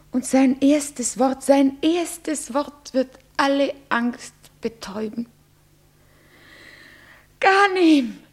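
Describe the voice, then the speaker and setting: Brief: devoted, frightened young bride in a radio play; breathy, high-ish, slow and pleading. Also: female voice, darkish tone, full character voice. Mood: anxious. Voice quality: breathy, often whispering. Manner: pleading, trembling. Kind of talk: classic radio play acting.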